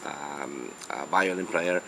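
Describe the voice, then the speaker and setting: A man's voice: a bass voice, takes it slowly, creaky, fairly bright tone, a little hiss or hum, rough recording. A man who is a native Spanish speaker, interviewing casually in accented English and often searching for words.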